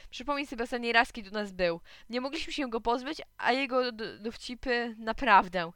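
Kobieta czyta jako zabiegana mama. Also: female voice, a little high, a little fast, a bit bright, no room sound, clean studio sound, close to an everyday voice. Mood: chiding. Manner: chiding, affectionate. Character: busy affectionate mother, gently chiding.

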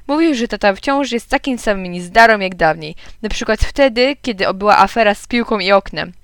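A woman reading a children's storybook aloud in a lively way, narrating as a small boy. Her voice is smooth and resonant, and the recording is dry and close, with no room sound. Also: medium pitch, fairly quick, dry recording. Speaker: audiobook reader. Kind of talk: children's audiobook narration, told as a young boy.

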